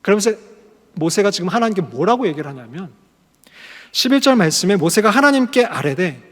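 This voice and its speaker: An earnest male pastor preaching to a congregation and asking it one question after another. His voice is high for a man and carries a long hall echo. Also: very animated, a little fast. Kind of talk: sermon.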